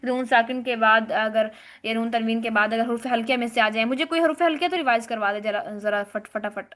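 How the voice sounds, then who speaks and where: Female tajweed teacher, bright and sharp voice, recites slowly. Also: a little high. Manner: explains rules step by step, asks and answers own questions; recites Arabic words slowly and drawn out. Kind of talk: tajweed lesson.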